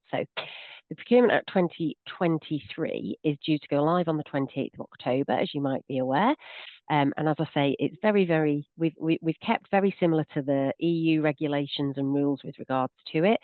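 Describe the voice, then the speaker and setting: A solicitor with a slight cold answers questions in a webinar over a video call, explaining a legal topic in a chatty, self-deprecating way and restarting her sentences often. Her voice sits low, and the audio is dry and tinny with no echo.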